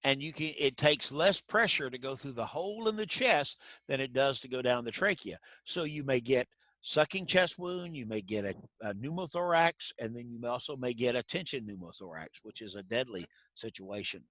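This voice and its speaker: A man's voice: medium pitch, lively intonation, moderate pace, pushed and bright, dry recording, muffled recording. A man teaching an online class, folksy, quizzing students by name. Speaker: instructor.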